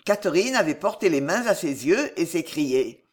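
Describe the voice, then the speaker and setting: A narrator reading a historical novel aloud in a measured, expressive way. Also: medium pitch. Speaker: audiobook narrator.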